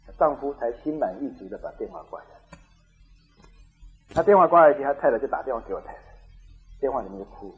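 A man preaching a sermon, telling a story in an animated way and acting out the dialogue. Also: mid-range voice, fast talker, long pauses, slightly rough, narrow, tinny audio. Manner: animated, acts out dialogue, laughs at own story.

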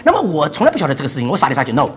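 A man's voice: fairly high pitch, wildly swooping pitch, racing. An older man from China preaching a sermon, laughing often and mixing English words into his talk.

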